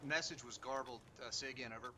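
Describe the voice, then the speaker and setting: A man's voice: medium pitch, fairly even intonation, fast talker. A man giving blunt commands and radio calls as a commander in a military game. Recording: noisy, gunfire behind the voice.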